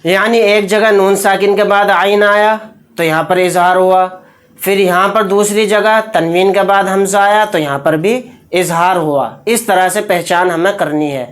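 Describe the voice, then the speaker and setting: A Quran reading teacher giving a tajweed lesson. The teacher explains rules quickly, asks a question and answers it, then spells and recites each word slowly, syllable by syllable. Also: medium pitch, fairly even intonation. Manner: brisk explanations alternating with slow, drawn-out syllable-by-syllable spelling.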